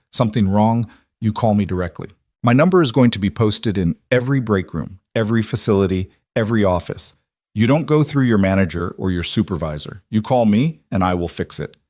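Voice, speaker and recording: A man's voice: on the low side, animated, fairly quick, darkish tone, no echo, clean studio sound. A man voicing a determined single father turned company boss, speaking firmly.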